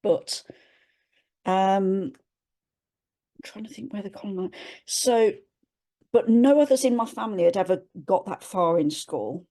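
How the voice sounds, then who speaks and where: Speaking through her computer mic on a video call, a webinar participant from England reflects on something personal, frequently restarting as she gropes for words. Her mid-range, mellow voice is measured, with long pauses.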